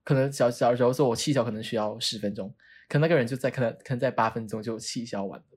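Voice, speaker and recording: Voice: medium pitch, fast, a little mellow, husky. A podcast co-host in casual chat, hesitant and repeating words while explaining.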